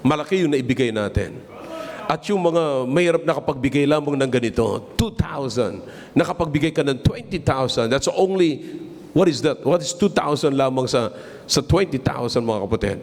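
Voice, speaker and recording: A man's voice: medium pitch, expressive, normal speed. A man, a pastor preaching a sermon and telling stories, mixing Tagalog with English and repeating words for emphasis. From Philippines. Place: church hall. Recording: long church reverb, faint room ambience.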